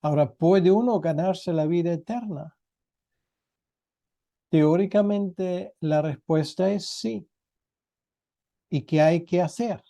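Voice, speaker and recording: A male Bible teacher delivering an expository sermon at an unhurried pace. His voice sits fairly high yet sounds soft and mellow. He pauses often and poses questions to his listeners before answering them. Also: gravelly. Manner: measured, with frequent pauses and rhetorical questions. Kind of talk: expository sermon with scripture reading and prayer.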